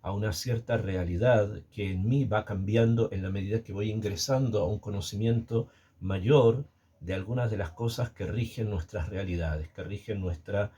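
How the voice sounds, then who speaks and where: A man giving a spoken Torah lesson, pausing often with fillers and restarting his sentences. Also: on the low side, dark tone, slightly rough. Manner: hesitant, many fillers and restarts. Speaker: Torah teacher.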